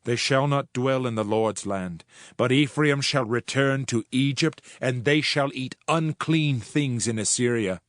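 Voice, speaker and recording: In a dramatized Bible reading, a man narrates scripture as a solemn Old Testament prophet, declaiming judgment in a grave, formal way with a sorrowful mood. His mid-range voice is unhurried and close to everyday speech. The clean studio recording has no echo, with music running beneath the voice.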